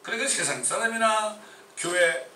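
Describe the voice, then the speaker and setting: A man's voice: high-pitched, expressive, normal speed, pushed and bright, slight background noise. A male pastor preaching a sermon with a Chungcheong accent, emphatic and full of rhetorical questions. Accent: Chungcheong Korean. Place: church sanctuary. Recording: echoey church from a distance.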